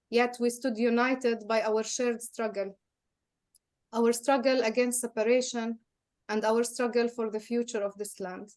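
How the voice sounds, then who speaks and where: A woman peace activist delivering a prepared public speech at a city hall event, earnest and measured. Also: on the high side, darkish tone.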